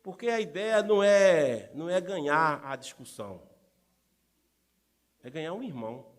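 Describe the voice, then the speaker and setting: A middle-aged pastor preaches a sermon in church, animated and firing rhetorical questions at the congregation. His voice is a little high and his delivery unhurried.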